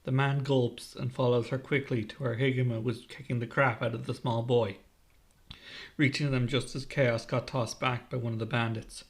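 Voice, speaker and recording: A man reading his own fan-fiction story aloud in an even narrating voice. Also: medium pitch, normal speed.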